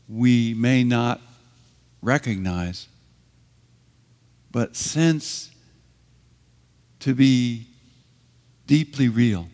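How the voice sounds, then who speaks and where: Male preacher, unhurried and reflective, delivering a sermon with long pauses in a reverberant church. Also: mid-range voice, darkish tone.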